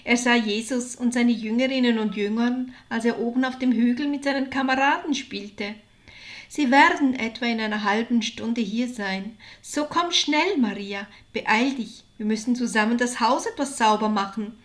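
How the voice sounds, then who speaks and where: A woman's voice: on the high side, moderate pace, close to an everyday voice. A woman voicing eager Martha bursting with news. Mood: hurried. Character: excitable adult village woman Martha.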